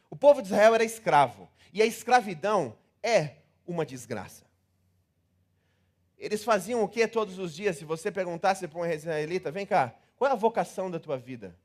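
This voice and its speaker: A man with a Brazilian Portuguese accent preaching a sermon, theatrical and animated, acting out scenes and repeating words in rhythm. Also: high-pitched. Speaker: pastor.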